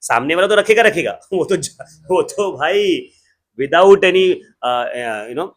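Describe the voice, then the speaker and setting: A man with an Indian accent teaching an accountancy class in a joking, lively way, slowing down to dictate definitions. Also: on the high side. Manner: lively, joking, switches between Hindi and English, slows down to dictate definitions. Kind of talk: classroom lecture.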